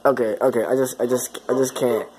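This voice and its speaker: A man's voice: medium pitch, steady tone, fairly quick, a crowd in the background. A teenage boy giving casual, exasperated commentary on his own old videos, often repeating himself. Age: teens. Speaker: YouTuber.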